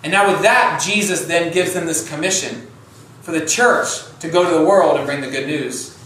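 A man with a high voice preaches a lively sermon, acting out scripture figures in casual, chatty voices. He sinks to quiet, low tones when his story turns personal. He is heard from a distance in a very echoey church hall. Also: normal speed, slight background noise. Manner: animated, acts out Bible figures in casual voices. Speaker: pastor. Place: church sanctuary.

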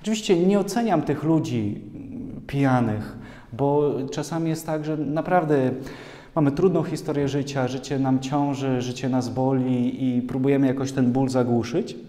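A priest giving a lively sermon to young people, telling stories and jokes. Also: male voice, medium pitch, normal speed. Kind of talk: sermon to a youth community. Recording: echoey hall.

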